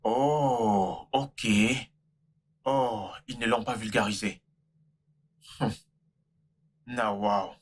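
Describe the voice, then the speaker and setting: An actor playing a smooth-talking man who juggles lovers for money, coaxing and pleading. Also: lowish voice, a bit bright. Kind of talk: dubbed film drama.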